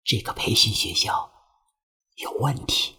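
Wary young woman, hushed whispers, husky , read by a male narrator. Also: mid-range voice, very animated, slow, exaggerated voice.

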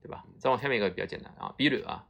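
Man, language teacher, lecture, slightly low voice, fast, patient explanations. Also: gravelly, slightly rough. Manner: explains patiently, tags phrases with "啊" and "对吧". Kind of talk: vocabulary lecture.

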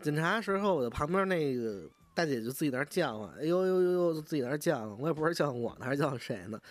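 A man's voice: a little high, lively intonation, racing, dry recording. A man with a Beijing accent tells a story in a casual, rambling way, swearing freely and often restarting his sentences. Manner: profane, rambling, frequent restarts. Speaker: vlogger.

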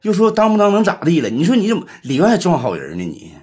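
A man's voice: sits high, huge pitch swings, fast talker, a little mellow. An actor playing a middle-aged, worried village deputy boss, grumbling at his wife. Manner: grumbling, complaining.

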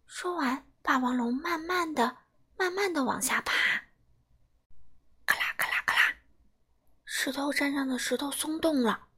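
A woman's voice: high voice, unhurried, pauses often. A woman reading a children's picture book aloud as storyteller, acting out the animals. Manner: animated, acts out each animal.

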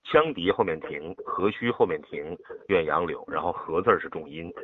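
A patient man coaches a child through poem recitation over a phone call. He draws words out slowly to show the phrasing, in a low, husky voice. The sound is thin and tinny, like a phone line. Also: expressive, dry recording. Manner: patient, demonstrates with slow drawn-out words. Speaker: poetry recitation teacher.

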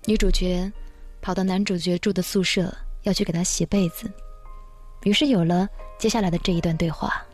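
A woman hosting a story reading program, narrating a love story in a calm, measured voice. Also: lowish voice. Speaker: host and reader. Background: faint background music.

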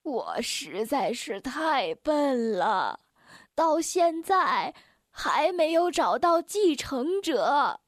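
Woman reading as a weary old grandpa storyteller, very slow and sighing, lilting up and down, dry booth sound. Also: fairly high pitch, very animated, no room sound, pitched below the performer's own voice. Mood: sorrowful. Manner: slow, sighing, sorrowful delivery.

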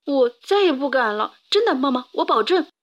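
A woman's voice: high voice, very animated, moderate pace, highs cut off. A woman voicing a huge, mean male giant in a storybook, bellowing boasts. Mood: whimpering.

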